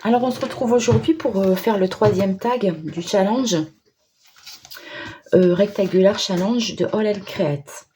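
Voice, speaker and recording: A woman narrating a craft tutorial in a casual, hesitant way, pausing often with fillers. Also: medium pitch, dark tone, a little hiss or hum. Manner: hesitant, many pauses and fillers, self-deprecating. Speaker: crafting vlogger.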